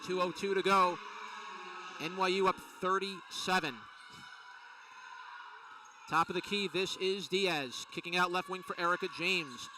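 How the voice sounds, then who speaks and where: A man calling a college women's basketball game play by play, with rapid, excited calls of each play. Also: high voice. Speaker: play-by-play announcer. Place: college gym. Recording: distant mic with faint gym noise.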